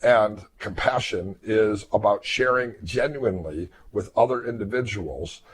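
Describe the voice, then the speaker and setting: A man in his fifties, a hypnotist and therapist, speaking earnestly to fellow hypnotists in a measured way, his voice a little weakened after throat surgery. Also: fairly low pitch, a little hiss or hum. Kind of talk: reflective talk to fellow hypnotists.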